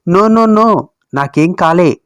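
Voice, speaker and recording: A man's voice: sits high, animated, slow, fairly bright tone, smooth, no echo, pitched above the performer's own voice, full character voice. A man voicing a young schoolboy grandson who talks in a sobbing, pleading way. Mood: tearful. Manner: sobbing, pleading child talk.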